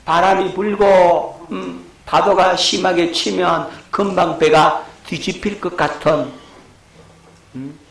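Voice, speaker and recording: A man's voice: high voice, fairly even intonation, takes it slowly, vocal fry, echoey room, low-quality recording. A middle-aged male pastor, preaching a lecture-style sermon and asking his congregation questions. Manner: rhetorical questions to the congregation, shouting acted quotes.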